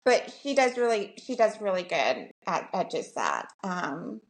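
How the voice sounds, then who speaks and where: A woman guest on a podcast with a slight vocal fry, talking in a candid, rambling way. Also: mid-range voice, sing-song, unhurried. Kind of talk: casual chat.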